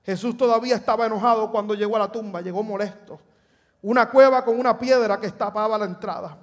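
A Puerto Rican pastor talks fast in a high voice with a Puerto Rican Spanish accent. Preaching to his congregation in the church sanctuary, he tells the story dramatically, acts out scripture, and jokes with the church.

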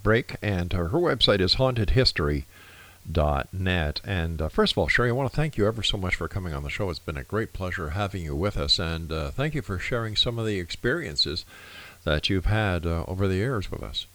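Male talk radio host, deep, courteous, lively intonation. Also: brisk. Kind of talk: broadcast interview hosting.

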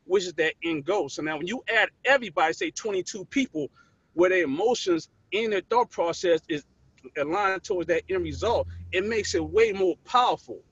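A man's voice: high-pitched, animated, moderate pace, a bit bright, husky, no echo. Man on a buzzy, glitchy call line. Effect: buzzy, glitchy online call audio that breaks up. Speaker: mastermind group member. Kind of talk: casual group discussion. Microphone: remote call connection. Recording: muffled, dry call line.

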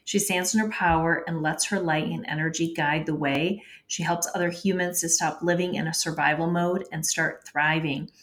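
A woman with a notably low voice reads a prepared podcast introduction. Her delivery is measured and even. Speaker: podcast host. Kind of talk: scripted narration.

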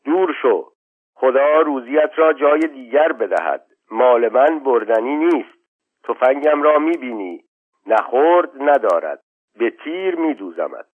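A man reading as a gruff armed night watchman. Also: mid-range voice, expressive, voice pushed up. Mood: menacing. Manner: gruff threatening warning. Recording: tinny lo-fi phone-like sound.

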